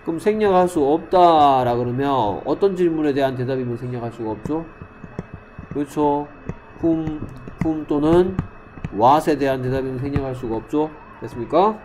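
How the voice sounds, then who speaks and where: A male English teacher in a classroom, quizzing students by name and slowly repeating English example sentences. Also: fairly high pitch, a little hiss or hum. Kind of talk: classroom lesson.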